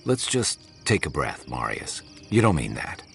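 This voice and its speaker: An actor playing a calm, reassuring adventurer companion in a fantasy video game. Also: male voice, rumbling low, a little slow, creaky, soft background music, heavily acted.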